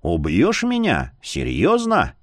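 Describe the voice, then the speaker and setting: A man's voice: huge pitch swings, dry recording, clean studio sound, heavily acted. Man doing a mocking ghost friend, drawn out. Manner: taunting, drawn-out, higher than the narration.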